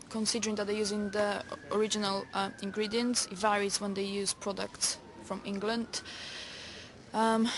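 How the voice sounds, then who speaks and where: A woman from Poland answers in English, calm and flat in tone. She pauses with ums, and faint street noise sits behind her. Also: medium pitch. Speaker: street interviewee.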